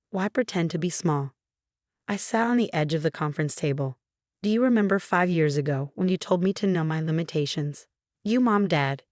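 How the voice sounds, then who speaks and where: A woman narrating a first-person revenge story in a calm, even delivery. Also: fairly low pitch, dry recording, clean studio sound.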